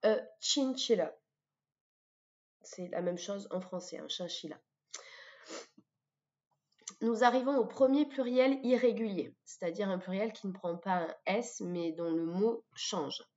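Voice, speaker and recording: A woman's voice: mid-range voice, darkish tone. A woman teaching vocabulary, carefully modeling each word for students to repeat. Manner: slow, careful modeling of words for repetition. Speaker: English teacher. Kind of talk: vocabulary lesson with repetition drills. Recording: dull lo-fi recording.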